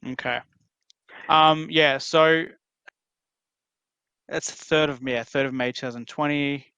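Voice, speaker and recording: A man talking someone through steps in a calm, explanatory, reassuring way, like a support caller advising a victim. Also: on the high side, a little slow, clean tone, no echo, poor audio. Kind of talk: phone support conversation.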